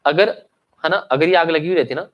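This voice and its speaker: A man's voice: on the high side, a little fast, lo-fi sound, a little hiss or hum. A young man teaching an online lecture, mixing English into his Hindi, asking checking questions and coughing now and then. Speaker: commerce exam teacher. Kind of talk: online lecture with story examples.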